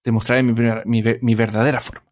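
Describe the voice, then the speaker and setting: A man's voice: medium pitch, little pitch movement, racing, close to an everyday voice. A man voicing the king of the gods as a reluctant lover who answers in a hesitant, placating way.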